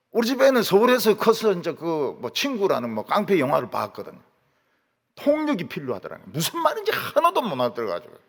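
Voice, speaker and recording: A man's voice: a little high, vocal fry. A male pastor delivering a sermon with emphatic rhetorical questions, recorded in a church hall. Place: church sanctuary. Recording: long reverb of a church hall.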